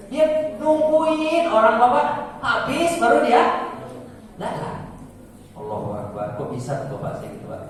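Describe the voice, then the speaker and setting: A high-pitched male preacher tells stories to his congregation, turning to them as "sir" again and again. His voice rings through a large reverberant hall, picked up from a distance with faint room noise. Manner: storytelling, addressing listeners as "Pak" often, acting out voices. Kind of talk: short mosque sermon. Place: mosque hall.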